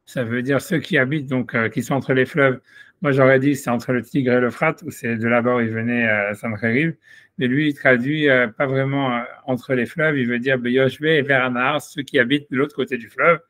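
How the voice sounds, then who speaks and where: A man's voice: medium pitch, steady tone, normal speed, fairly bright tone. A man, a rabbi explaining a Talmud passage in an informal class, thinking aloud with many restarts and asides.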